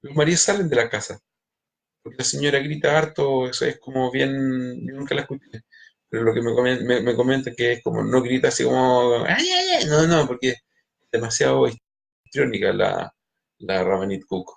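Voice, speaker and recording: Middle-aged male rabbi, gravelly mid-pitched voice, lecturing with frequent restarts. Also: normal speed. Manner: many restarts and repeated words, speaks straight to listeners. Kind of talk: spiritual lecture.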